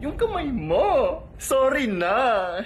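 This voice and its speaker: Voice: high-pitched, very animated, extremely slow, background noise. A person acting out short comedy skits in a scolding, teasing way. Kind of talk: comedy skit dialogue.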